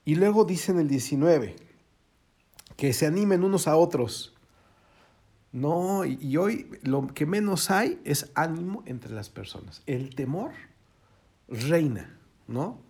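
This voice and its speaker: A man's voice: on the high side, lively intonation, takes it slowly, pauses often, a little mellow. A man preaching casually, folksy and joking, acting out little quoted voices. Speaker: pastor.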